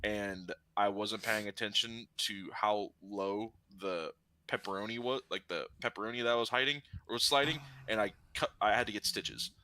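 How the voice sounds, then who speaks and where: A man voicing a calm, matter-of-fact young male pizza shop manager, speaking flatly and a little lower than his own voice. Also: moderate pace. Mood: calm deadpan.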